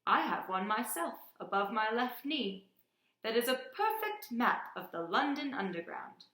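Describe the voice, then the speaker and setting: A woman voicing a calm, wise old male headmaster wizard in measured tones, reading a storybook aloud. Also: a little high, echoey room, pitched above the performer's own voice, exaggerated voice.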